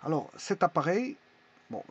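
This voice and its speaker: Husky man teaching haltingly. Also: fairly high pitch, sing-song. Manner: halting, many fillers and restarts. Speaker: language teacher. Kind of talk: casual explanatory lesson. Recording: dull lo-fi recording.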